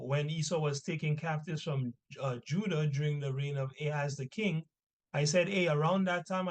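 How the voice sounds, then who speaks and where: A man teaching an informal religious history class, reading texts aloud and punctuating his points with rhetorical questions and short check-in tags. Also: fairly high pitch.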